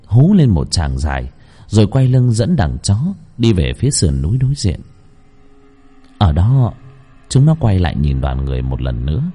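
A man's voice: low voice, dark tone, slightly rough. A man narrating a first-person horror story in a tense, suspenseful telling.

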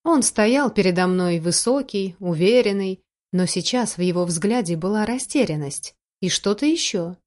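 A woman's voice: mid-range voice, expressive, moderate pace, few pauses, a little mellow. A woman reading a first-person story aloud as an audiobook narrator, with an emotional, dramatic delivery.

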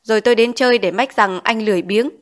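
A woman's voice: on the high side, fast, close to an everyday voice. A woman voicing a stern male village schoolteacher in an audiobook, scolding with pointed questions. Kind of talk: audiobook character reading.

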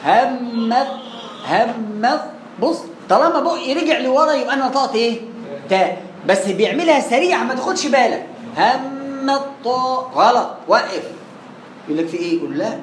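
A man's voice: extremely high pitch, animated, brisk. A man with an Egyptian accent teaching Quran recitation in class, asking questions and answering them himself, drilling pronunciation. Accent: Egyptian Arabic. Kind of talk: classroom lesson. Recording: echoey room, faint background noise.

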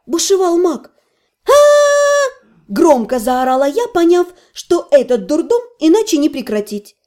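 A woman giving an expressive, animated first-person audiobook reading. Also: high voice, moderate pace. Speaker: audiobook narrator.

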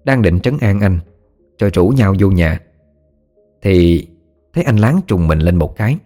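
Low-voiced storyteller. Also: male voice, expressive, unhurried, warm tone, soft background music. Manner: storytelling, folksy. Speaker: narrator. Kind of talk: ghost story narration.

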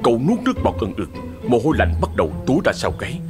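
A man narrating a ghost story in an expressive storytelling manner. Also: mid-range voice, rapid-fire, over music.

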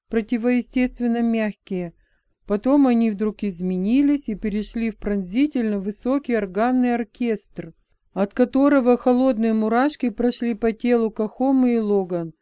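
A woman reads a story aloud in a measured, even narration. Her voice is smooth and mellow, pitched a little high. The sound is close and dry. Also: dry recording. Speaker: audiobook narrator. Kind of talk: scripted narration.

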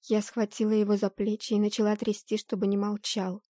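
A woman narrating a fantasy audiobook in the first person, with expressive, steady storytelling. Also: medium pitch, brisk, no room sound, clean studio sound.

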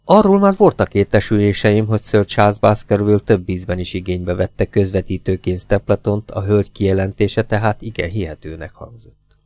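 A man narrating an audiobook in a measured, composed way, asking pointed questions. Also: lowish voice, expressive, a little mellow, no echo. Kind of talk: audiobook reading.

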